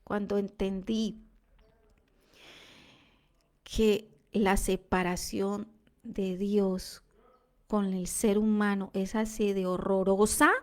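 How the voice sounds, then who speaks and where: A woman sharing a devotional testimony, earnest and reflective, sometimes dropping to a soft whisper. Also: mid-range voice, flat delivery, slow, long pauses.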